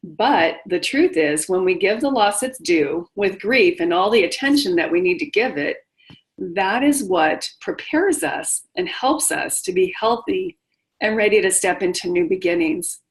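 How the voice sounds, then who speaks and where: This middle-aged widowhood coach hosts a motivational webinar in a lowish voice with lively intonation, speaking a little slowly. She encourages her listeners directly, though the recording quality is rough.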